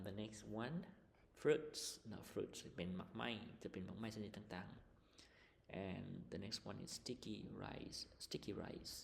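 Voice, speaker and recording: Lao-male teacher, slow and gravelly, patient, repeats every word. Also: fairly low pitch, long reverb tail, slight background noise. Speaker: English teacher. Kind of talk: vocabulary lesson explanation.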